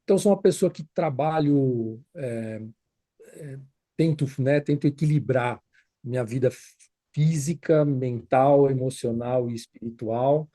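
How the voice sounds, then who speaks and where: A man's voice: mid-range voice, measured pace, warm tone, no room sound. A man, a consultant answering interview questions thoughtfully, with many fillers and restarts. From Brazil. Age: 50s. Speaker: guest, consultant.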